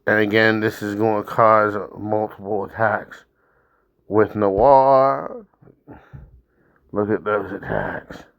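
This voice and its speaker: A man's voice: on the low side, fairly even intonation, takes it slowly, gravelly, long pauses, a bit bright, dry recording. A man giving casual, blunt, instructive commentary over his own gameplay as he walks through tactics. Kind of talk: casual mobile game walkthrough commentary.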